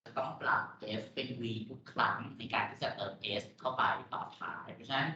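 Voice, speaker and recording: A man's voice: mid-range voice, a little fast, sharp tone. A man with a Thai accent teaching English pronunciation in a lecture, patiently explaining and repeating words. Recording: echoey room, dull lo-fi audio.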